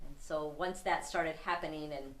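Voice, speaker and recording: A woman's voice: sits low, fairly even intonation, normal speed, fairly bright tone, a little hiss or hum. A middle-aged woman telling stories to a tour group while guiding them around an old building she owns. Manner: chatty, laughs at herself. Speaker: tour guide and building owner. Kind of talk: casual storytelling to a tour group. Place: large old empty building indoors. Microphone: no mic, heard from a distance. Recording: echoey room from far off.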